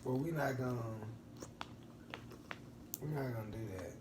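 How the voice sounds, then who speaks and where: A man's voice: medium pitch, moderate pace. A tired young man chatting loosely as co-host at home. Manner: laid-back, sleepy, loose talk. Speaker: boyfriend and co-host. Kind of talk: casual chat. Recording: noisy roomy sound, off mic.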